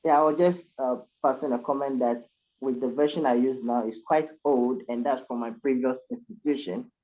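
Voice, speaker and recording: A man's voice: mid-range voice, fairly even intonation, moderate pace, a little mellow. Hesitant man on a dull call line. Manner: hesitant, with fillers. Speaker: workshop participant. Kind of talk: casual discussion. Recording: dull video-call audio.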